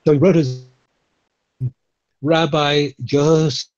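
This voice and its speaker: A man, a guest on a remote call, explaining things in a measured way with many pauses while his connection breaks up and cuts out. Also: a little high, flat delivery, darkish tone. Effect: bad connection, voice breaking up and cutting out. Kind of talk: remote conversation, explaining history at length. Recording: dull lo-fi call line that keeps dropping out.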